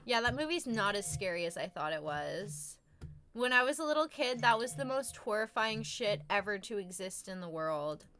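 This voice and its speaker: A woman's voice: medium pitch, expressive, normal speed, bright, forceful tone. A young adult woman chatting casually as a streamer, with slangy, sweary stoner talk. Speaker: live streamer chatting with viewers. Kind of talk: casual chat.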